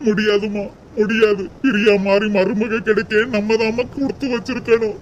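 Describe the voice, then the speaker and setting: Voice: mid-range voice, little pitch movement, normal speed, dull audio, slight background noise, natural voice. A voice actor playing a heartbroken, stubborn young man in a cartoon, crying and pleading, with a Tirunelveli Tamil accent. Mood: stubborn, tearful. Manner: sobbing, pleading. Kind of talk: amateur cartoon voice acting.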